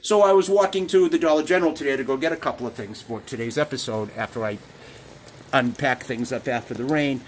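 In his small apartment, an older man hosts a casual cooking vlog, rambling, chatting, and chuckling often. He speaks fast in a mid-range voice, with slight background noise.

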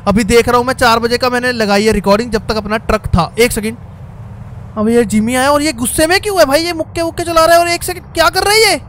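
Brief: young male gaming host, very high pitch, excitable and loud in mock anger, faint game noise under him. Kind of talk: Hindi let's-play commentary.

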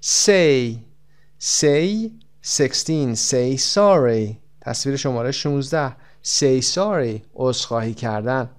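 A man teaching an English textbook lesson, explaining quickly and then saying the example phrases slowly and clearly. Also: mid-range voice, animated. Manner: switches between quick explanations and slow, stretched-out example phrases.

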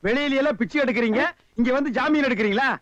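An actor playing a sharp-tongued man who sarcastically scolds and mocks a group of beggars in a film comedy scene. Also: extremely high pitch, rapid-fire, no echo, highs cut off. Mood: mocking. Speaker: comic film character. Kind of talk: Tamil film comedy dialogue.

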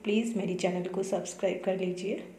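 A woman's voice: on the low side, steady tone, fairly quick, mellow. A woman vlogger chatting casually on an eating show, speaking with her mouth full while chewing. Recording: echoey room with faint noise.

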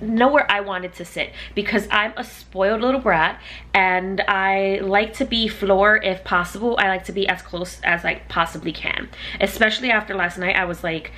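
A young woman chatting in a casual vlog in her groggy morning voice, rambling and excitable, recorded indoors. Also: mid-range voice. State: sleepy morning voice. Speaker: concert vlogger.

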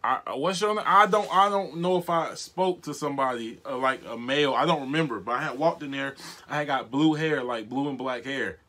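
An American man in his twenties doing a casual prank vlog, talking in a slangy, halting way to a phone and camera in a bedroom. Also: mid-range voice, sharp tone. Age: 20s. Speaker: prank caller and video host. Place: small bedroom, indoors. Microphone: device mic at arm's length.

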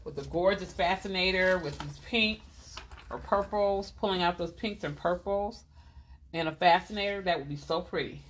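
A woman's voice: fairly low pitch, moderate pace, slight background noise. A woman hosting a casual live clothing sale from a boutique, chatty and repeating item numbers and prices. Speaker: host selling clothes on a live stream.

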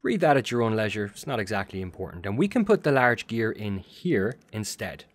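A man's voice: fairly low pitch, sing-song, fairly quick, no room sound. A man hosting a casual, chatty game walkthrough, talking the viewer through each step with a jokey edge. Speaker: gaming video host.

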